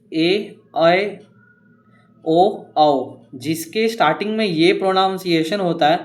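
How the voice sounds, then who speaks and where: A man teaching an exam-prep grammar lesson, explaining step by step and reading examples slowly. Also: fairly high pitch.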